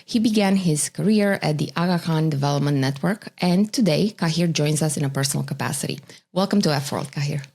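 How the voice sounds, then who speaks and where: Casting note: woman podcast host, very low pitch, gravelly fry, measured read-aloud delivery. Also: darkish tone. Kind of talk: scripted introduction and interview questions.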